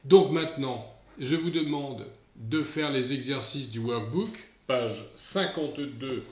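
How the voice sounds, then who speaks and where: Male teacher, mid-pitched, patient and repetitive; a dull, roomy recording. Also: slow pace. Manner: patient, repetitive explaining with restarts. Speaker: English teacher. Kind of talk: recorded remote lesson.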